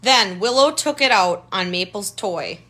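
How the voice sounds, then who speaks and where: An unhurried tutor reads a picture book to kids, her medium-pitched voice bright, forceful and lively in intonation. She explains things simply and points them out with questions and comments as she goes.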